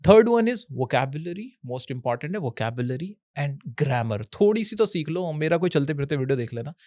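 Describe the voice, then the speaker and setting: A young man from India talks casually as an interview guest, giving advice and mixing in English. His voice sits a little high and sounds dry and close. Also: very animated, measured pace, a little mellow, no room sound. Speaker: educational YouTuber guest. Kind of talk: casual Hinglish interview talk.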